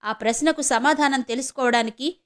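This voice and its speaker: A fierce, protective adoptive mother who scolds hard and indignantly, as a woman reader puts her on. The voice sits fairly high for a woman and comes through a storybook narration. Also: brisk, fairly bright tone. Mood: scolding.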